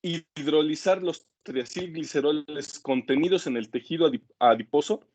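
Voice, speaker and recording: A man's voice: fairly high pitch, a little mellow, slight background noise. A man lecturing an online class, his audio glitching and cutting out over a video call. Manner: measured, explanatory, with fillers.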